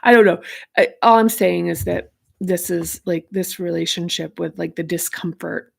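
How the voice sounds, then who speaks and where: Low gravelly woman musing aloud. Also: normal speed. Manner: rambling and searching, heavy on fillers. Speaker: self-help author. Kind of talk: loose spoken reflection on her own book.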